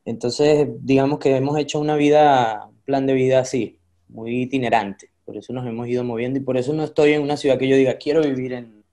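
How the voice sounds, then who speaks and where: Chatting casually as a guest, this man, who has a child, speaks fairly quickly in a mid-range voice. He sounds laid-back and talkative, leaning on fillers such as "este."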